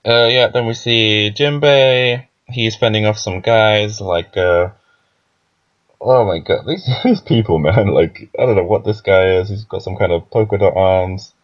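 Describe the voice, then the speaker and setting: A young man with a lowish, unhurried voice casually reviews a comic chapter, rambling with many fillers and laughs. This casual commentary comes through a dull lo-fi recording.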